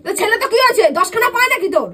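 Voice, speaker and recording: A woman playing a wife in a scripted domestic squabble, loud, defiant and argumentative. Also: extremely high pitch, lively intonation, racing, a loud crowd. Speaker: wife in a comic couple skit.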